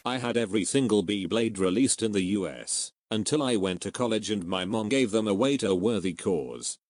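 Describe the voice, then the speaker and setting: A man narrating online posts in a steady, even scripted reading with no fillers. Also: fairly low pitch, no room sound.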